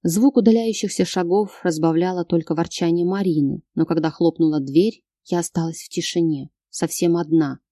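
A woman narrating a first-person novel in a steady storytelling voice. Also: fairly low pitch, normal speed, few pauses, no echo, studio quality. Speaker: audiobook narrator.

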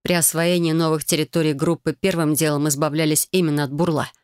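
A woman reading a first-person fantasy novel aloud in a steady, even storytelling manner. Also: low voice, fast talker, clean tone, dry recording, clean studio sound. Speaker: audiobook narrator. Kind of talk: first-person audiobook narration.

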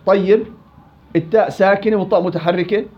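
A man with a Levantine Arabic accent teaching Quran recitation, quizzing students, praising answers and stretching out example words slowly. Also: high-pitched, steady tone, dull audio. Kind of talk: classroom teaching.

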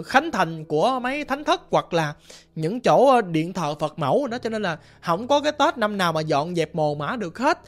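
Man, southern vietnamese accent, casual ghost story telling, chatty with fillers, faint music behind. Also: high voice. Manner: lively, conversational, with fillers.

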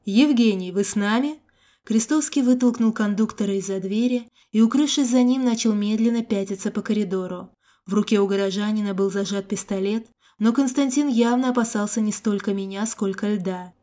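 A woman narrating a first-person audiobook with steady, expressive delivery. Her voice is mellow and soft-edged, at an ordinary pitch for a woman. The reading is even and controlled throughout. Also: brisk.

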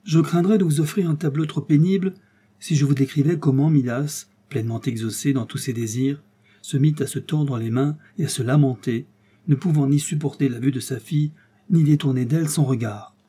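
Husky, dark-voiced male storyteller. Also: fairly high pitch. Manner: measured, expressive storytelling. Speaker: narrator. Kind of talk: audiobook reading of a classic tale.

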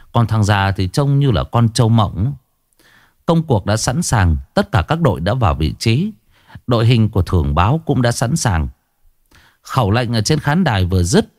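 A male storyteller narrates with a lively, swinging delivery. His voice is dry and close to the mic, with faint music running underneath. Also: fairly low pitch, no echo. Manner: colloquial, vivid, salty.

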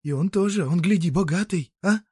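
A man voicing a young peasant woman who coaxes and pleads in a hushed, urgent way. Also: high voice, a little fast, slightly rough, dry recording, studio quality, voice pushed up. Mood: pleading, urging. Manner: pleading, coaxing whisper.

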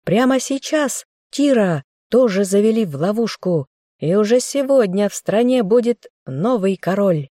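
A woman voicing an arrogant, treacherous young man, a squire in armor who shouts threats. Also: medium pitch, expressive, a little slow, dry recording, studio quality, voice pushed up. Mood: threatening. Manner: shouting, menacing.

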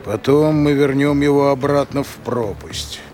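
A man playing an ancient, grave undead master in an audio drama, speaking in a measured, ominous way. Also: mid-range voice, a little mellow, faint music behind, close to an everyday voice.

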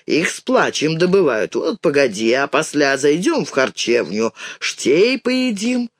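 A man reading an audiobook, voicing a weary, timid old male organ-grinder who talks slowly and mildly with sighs. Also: very animated, dry recording, studio quality, full character voice. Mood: grumbling gentle. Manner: slow, low, sighing and mild.

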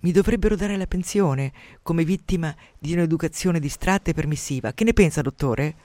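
A man's voice: a little high, brisk, a little mellow, no echo, close to an everyday voice. A man doing a self-pitying young patient. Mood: chattering. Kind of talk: radio story reading.

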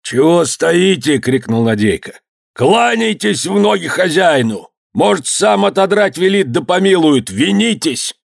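A man's voice: medium pitch, big pitch swings, a little slow, mellow, no room sound, clean studio sound. A man voicing an anxious male overseer who pleads and strains his voice in an old-time storybook tale. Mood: pleading.

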